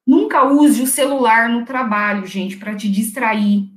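A woman speaks loudly and plainly as she walks through office phone etiquette, acting out short calls as examples. Her voice sits a little high. The room around her is echoey. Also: steady tone, unhurried, music in the background. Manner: loud, didactic, acts out phone dialogue. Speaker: secretarial trainer. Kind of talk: instructional interview answers.

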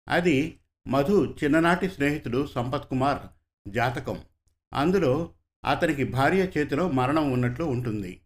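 Man reading a serial story. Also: medium pitch. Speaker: narrator of an audio serial. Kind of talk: scripted serial narration.

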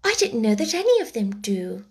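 A woman voicing a polite, anxious young girl in a storybook reading, lifting her voice high and earnest. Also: very animated, takes it slowly, full character voice. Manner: earnest, rising to alarm.

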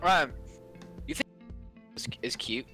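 A man's voice: on the high side, sing-song, takes it slowly, sharp tone, faint music behind. A man co-hosting a casual podcast chat with friends, joking around and telling rambling stories. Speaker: podcast co-host.

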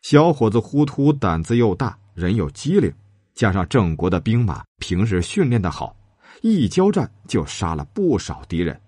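A man telling a traditional tale with lively, dramatic delivery. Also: moderate pace, slightly rough, dry recording, studio quality. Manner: lively, dramatic, shifting pitch for characters. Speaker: storyteller. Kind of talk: storytelling narration with acted character lines.

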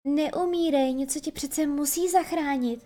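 A woman voicing a carefree young boy hero in an audiobook fairy tale, with lively, boyish delivery. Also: high-pitched, close to an everyday voice. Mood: pleading.

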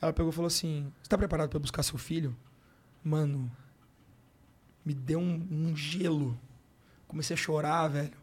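A podcast guest who works as a sports coach recounts something personal in a slightly rough, high-leaning voice, with a Brazilian Portuguese accent. His tone stays steady at normal speed, with many pauses. His emotional, slang-heavy speech is full of "cara" and "brother."

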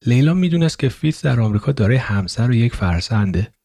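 A man reading a novel aloud in a measured, storytelling style as a podcast narrator. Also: medium pitch, lively intonation, vocal fry, warm tone, dry recording, clean studio sound. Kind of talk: scripted audiobook narration.

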